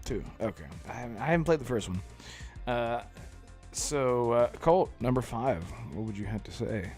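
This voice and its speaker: A man co-hosting a gaming podcast, easygoing, with quick asides. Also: medium pitch, darkish tone, soft background music. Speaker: podcast co-host. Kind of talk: casual gaming podcast chat.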